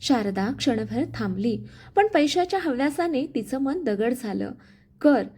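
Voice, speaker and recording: A woman narrating a dramatic family story in a steady, expressive storytelling manner. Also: a little high, moderate pace, slightly rough.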